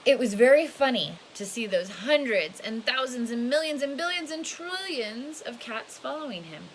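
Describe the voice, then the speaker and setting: A woman's voice: a little high, animated, moderate pace, rough recording. A woman reading a children's picture book aloud expressively, stretching key words and adding casual asides. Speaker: storybook reader. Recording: hissy home recording with background noise.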